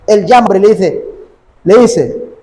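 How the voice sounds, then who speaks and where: High-voiced preacher in a reverberant hall. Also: male voice, lively intonation, slow pace, warm tone. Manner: repeats phrases, punctuates with "amén" and "¿ves?". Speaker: pastor. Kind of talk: sermon. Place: church sanctuary. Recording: long reverb of a large hall.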